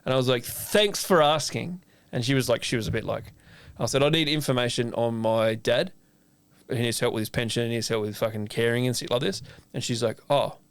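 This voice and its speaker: An Australian man in casual conversation, recorded dry and close with no room sound. He tells stories with lively, acted-out quotes and swears freely. His voice sits at an ordinary middle pitch. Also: quick pace, clean tone, no echo. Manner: animated storyteller acting out both sides of a conversation. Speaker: chef and podcast co-host. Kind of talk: casual chat.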